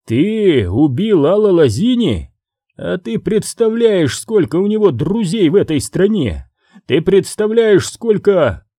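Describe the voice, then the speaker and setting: A male audiobook reader voicing a furious middle-aged crime boss who shouts and bites off each word. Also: a little high, very animated, unhurried, dry recording, clean studio sound, pitched above the performer's own voice, heavily acted.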